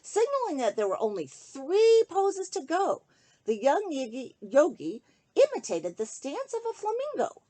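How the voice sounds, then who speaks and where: Reading a rhyming children's tale aloud a little slowly, a woman with a high-set voice speaks directly to young listeners in a lively, sing-song manner.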